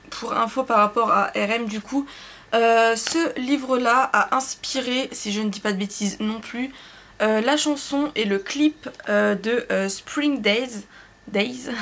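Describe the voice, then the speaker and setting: A woman's voice: a little high, fairly bright tone. Chatty young woman with lots of fillers. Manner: rambling, hesitant, many fillers and self-corrections; self-deprecating, laughs at herself. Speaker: book vlogger. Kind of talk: casual book review vlog.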